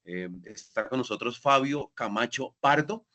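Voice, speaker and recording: A man serves as master of ceremonies, opening the event with a formal, ceremonious welcome. His pitch is in a middle range, and he drops in the occasional filler. He is heard over a video call. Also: animated, unhurried, sharp tone, dull audio.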